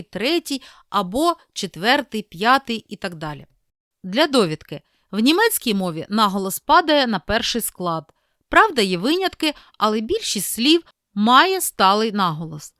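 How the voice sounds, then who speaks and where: Clear, lively woman teacher narrating. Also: on the high side, dry recording, clean studio sound. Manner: clear, deliberate, slows to spell out example words. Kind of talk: scripted lesson narration.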